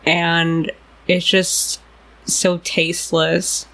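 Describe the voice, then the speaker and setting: A woman's voice: on the low side, little pitch movement, extremely slow, vocal fry, fairly bright tone. A woman, co-hosting a podcast. She reacts with frequent exclamations and speaks her opinions plainly. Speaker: podcast co-host. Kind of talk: casual chat.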